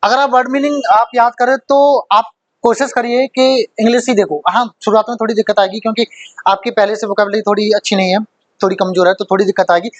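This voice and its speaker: A man's voice: very high voice, no room sound. A male teacher giving a vocabulary lesson, who asks questions and then answers them himself, repeating the key words for emphasis.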